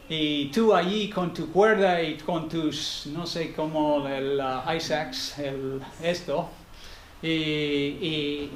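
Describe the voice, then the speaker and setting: High-voiced male preacher in echoey church. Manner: animated, conversational preaching with frequent "ok?" checks; searches for words in Spanish, with halting restarts. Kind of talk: sermon. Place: church hall.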